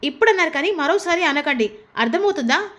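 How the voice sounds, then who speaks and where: A woman voicing a fiery, outspoken young woman who argues loudly in a recapped TV story. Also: extremely high pitch, animated, quick pace. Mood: angry. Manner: loud, quarrelsome.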